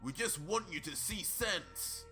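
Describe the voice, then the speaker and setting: A man's voice: high-pitched, lively intonation, measured pace, pushed and bright, exaggerated voice. A man voicing an earnest young male warrior pleading with his old teacher in a fan-made story video, with music behind. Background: background music from the played video.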